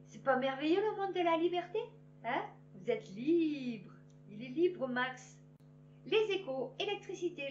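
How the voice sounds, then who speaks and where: A woman reading news headlines aloud and adding sarcastic, animated asides to her viewers. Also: high voice. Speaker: news commentator. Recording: roomy, dull lo-fi with faint hum.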